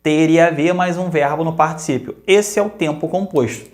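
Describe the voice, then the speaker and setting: Speaking with a fairly high pitch, this Brazilian Portuguese-accented man runs an energetic grammar lesson, going over examples slowly and more than once while asking questions to check understanding.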